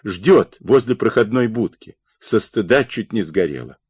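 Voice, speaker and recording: A man's voice: on the low side, lively intonation, a little slow, a little mellow, slightly rough, no echo, studio quality. A man voicing a cheerful, sly young soldier who jokes good-naturedly.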